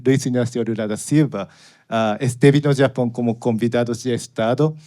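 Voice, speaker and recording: A man with a Japanese accent delivers a formal address as a consul, reading from notes. His voice is mellow and soft-edged, at a middling pitch. As a native Japanese speaker he moves haltingly, dropping in small tag words. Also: steady tone. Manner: formal, halting, frequent "né" tags. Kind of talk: formal speech read from notes.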